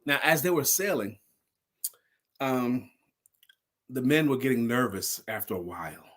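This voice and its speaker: A storyteller and sales speaker tells a story in a loose, conversational style, hammering home key phrases by repeating them with emphasis. His mid-range voice is expressive, slightly bright and a little slow, and he performs the dialogue himself as he retells events.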